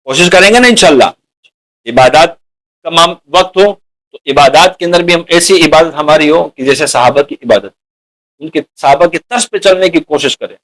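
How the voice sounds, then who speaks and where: Over poor audio, a man with a slightly bright, somewhat high voice preaches a sermon to an audience. He poses rhetorical questions and addresses his listeners as dear companions.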